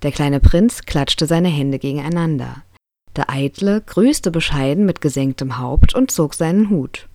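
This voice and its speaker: A woman reading a storybook aloud in a calm, even way. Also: sits low, a little slow, no echo, studio quality.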